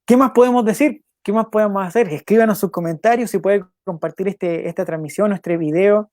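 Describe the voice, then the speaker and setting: The voice is a young man's: high, a little mellow, recorded close and dry with no room sound. As host of a devotional program, he talks earnestly and conversationally through casual devotional talk and spoken prayer, repeating his points, making quick asides, and laughing at times.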